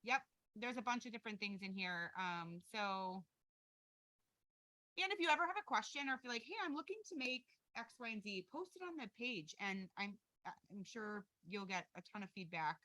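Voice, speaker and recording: A chatty woman talks on a video call, coaching her group in an upbeat, rambling way full of little fillers. Her voice is mid-pitched and sounds close and dry, with no room around it. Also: normal speed, bright, forceful tone, no echo, poor audio. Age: adult with a young daughter. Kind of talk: casual video call chat.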